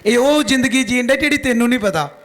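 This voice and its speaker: A man's voice: very high-pitched, quick pace, fairly bright tone. A man preaching a fiery sermon, firing questions at his congregation. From Punjab, India. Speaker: pastor.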